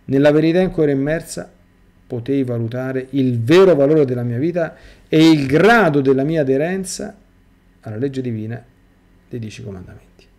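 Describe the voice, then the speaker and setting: A middle-aged priest with a mellow, dark voice, giving a sermon. He reads a first-person testimony and breaks off to press points on his listeners. His delivery stays at an average pitch for a man. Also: normal speed. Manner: reads aloud then breaks off to exhort listeners directly. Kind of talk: sermon reading and commenting on a testimony.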